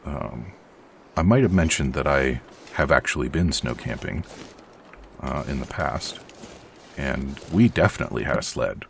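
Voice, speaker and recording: Very deep gravelly male game commentator. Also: unhurried, slight background noise. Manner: chatty, rambling, self-deprecating. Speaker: let's play host.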